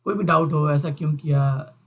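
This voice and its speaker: A man teaching a beginner programming lesson, explaining each part of the code slowly and repeating the terms, often asking his viewers questions. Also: on the high side. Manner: explains step by step, repeats terms, mixes English terms into Hindi. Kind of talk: screen-recorded coding lesson.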